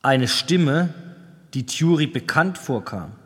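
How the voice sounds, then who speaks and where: Male narrator for a fiction audiobook, slightly high voice, very slow, long hall reverb. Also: lively intonation, a bit bright. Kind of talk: scripted narration.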